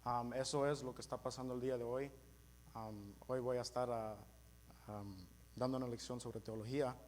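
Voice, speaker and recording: Halting young man with American-accented Spanish. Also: mid-range voice, steady tone, a little mellow. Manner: halting, searching for words, switches between Spanish and English. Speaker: church teacher at a youth service. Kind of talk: informal religious teaching to a congregation. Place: live in a church meeting. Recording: clearly noisy with mains hum.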